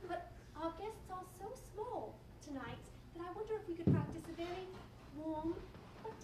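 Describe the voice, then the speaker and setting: A woman's voice: very high-pitched, expressive, moderate pace. A woman playing a female sex-advice doctor who hosts a comic talk show, courteous, soothing and playfully grand. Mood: welcoming, playful. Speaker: show host. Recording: echoey live venue, distant, noisy audience.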